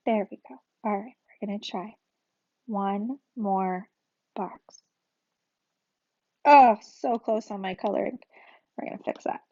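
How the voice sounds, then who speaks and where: A woman's voice: medium pitch, takes it slowly, pauses often, mellow. A woman teaching a recorded calculus tutorial in a chatty way. She corrects herself often and recites a memory rhyme. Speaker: math teacher. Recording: dull lo-fi audio.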